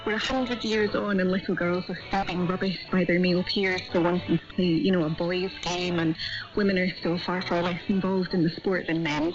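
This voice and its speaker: A woman's voice: on the low side, highs cut off. A woman from Australia with a strong Scottish accent, talking conversationally as a guest on a discussion panel. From Australia, born and raised in Sydney.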